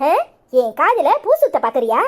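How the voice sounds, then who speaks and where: A proud, sharp-tongued mother of the groom in a village cartoon, as a woman puts her on. She scolds in a very high, lively voice, scornful and threatening, pouring out complaints. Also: normal speed. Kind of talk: cartoon voice acting.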